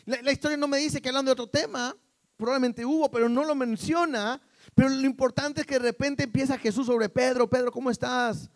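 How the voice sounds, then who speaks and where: This is a middle-aged man with a Mexican accent, preaching a sermon. His voice sits high. He talks in an animated way and gives the Bible characters their own voices as he tells the story. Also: a little fast.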